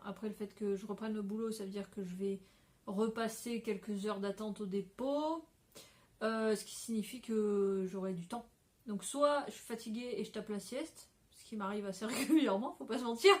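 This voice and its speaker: A woman's voice: mid-range voice, darkish tone. A woman hosting a casual craft vlog, chatty and rambling, often breaking into laughter, talking to a phone camera indoors at home. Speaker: craft podcaster.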